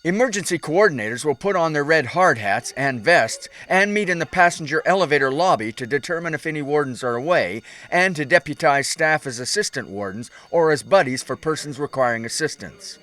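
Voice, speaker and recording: A man narrates a scripted instructional piece. His voice sits a little higher than most men's. The delivery is measured and instructive throughout. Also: lively intonation, a bit bright. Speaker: safety video narrator.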